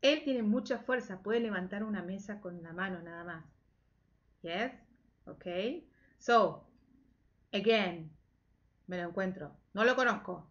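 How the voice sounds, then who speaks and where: A woman English teacher giving a slow, patient children's lesson from home, drilling phrases over and over and mixing English and Spanish. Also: mid-range voice, fairly bright tone, dull audio.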